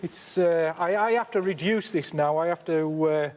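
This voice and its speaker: A man's voice: a little high, moderate pace, a little mellow. A man with a Cumbrian accent explaining his work casually as a miner, plain-spoken and a little hesitant. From Cumbria, England. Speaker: slate miner and mine owner. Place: inside an underground slate mine. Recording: reverberant underground space.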